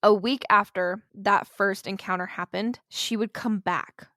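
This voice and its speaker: A woman hosting a podcast tells a true-crime story in a loose, chatty way. She swears freely and breaks off for jokes and asides. Her voice sits at an ordinary middle pitch and sounds close and dry, with no room echo. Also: steady tone, measured pace, a bit bright. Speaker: podcast host.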